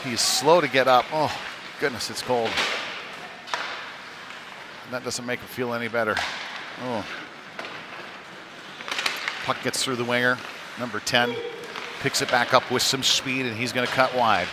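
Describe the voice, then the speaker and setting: This play-by-play commentator has a medium-pitched, steady voice and takes his time, pausing often as he covers a youth hockey game in brief, clipped bits that drift into side remarks. Ambient rink clatter and game noise fill the background.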